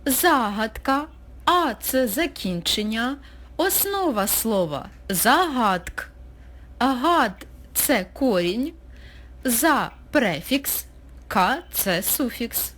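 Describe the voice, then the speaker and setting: Slow, lively-voiced woman teacher. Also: on the high side. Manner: slow, clear, dictating pace. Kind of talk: recorded school lesson narration.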